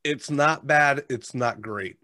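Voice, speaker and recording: With a mid-range, sharp-toned voice and a slow pace, a thirtysomething man from the United States reviews snacks in a casual, matter-of-fact way, eating crunchy bites as he goes. He's indoors at a desk on a video call with a headset mic, and the studio-quality audio has no echo.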